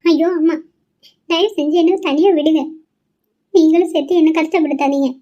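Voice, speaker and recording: A woman's voice: sits high, fairly even intonation, moderate pace, dark tone, muffled recording, natural voice. A woman voicing a tearful young newlywed. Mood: pleading. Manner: tearful, pleading. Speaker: cartoon character voice. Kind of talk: cartoon voice acting.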